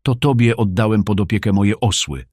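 Brief: man doing an irate, scornful older father, raised deep voice, dry storybook read. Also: normal speed, breathy edge, no room sound. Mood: angry scornful. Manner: scornful, shouting.

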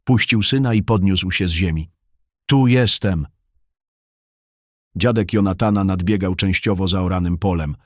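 A man reading a story aloud as a steady narrator. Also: low voice, a little fast, few pauses, no room sound, studio quality.

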